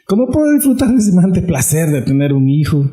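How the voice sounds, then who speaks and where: A woman's voice: lowish voice, sing-song, brisk, mellow, roomy sound. A man preacher playing a doubtful, self-mocking elderly woman with wry, colloquial talk. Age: older.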